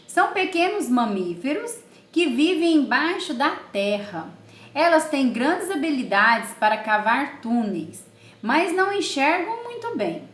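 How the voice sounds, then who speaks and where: A woman's voice: high voice, a bit bright, roomy sound. A woman teacher giving an online class and reading a story aloud, asking questions and answering them herself.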